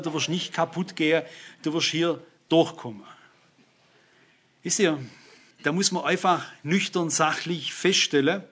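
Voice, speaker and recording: A man's voice: sits high, a bit bright. A man preaching a sermon, earnestly addressing his listeners and citing Bible verses.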